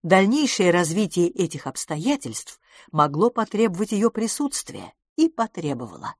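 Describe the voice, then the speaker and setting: Woman narrating with a dry, low voice. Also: sing-song, moderate pace, dry recording. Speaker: audiobook narrator. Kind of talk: scripted narration.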